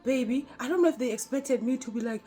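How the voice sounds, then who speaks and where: A woman's voice: sits high, quick pace, mellow. A South African woman telling a personal story in a casual vlog. She talks straight to her viewers and laughs often.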